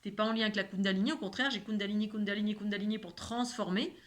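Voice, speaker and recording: A woman with a mid-range voice and a slight lisp that softens her s sounds. She talks casually and at length like a spiritual teacher, rambling from one thought to the next. She often repeats a word or phrase to stress it. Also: medium pitch, steady tone, very fast. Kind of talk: casual spoken monologue about spirituality.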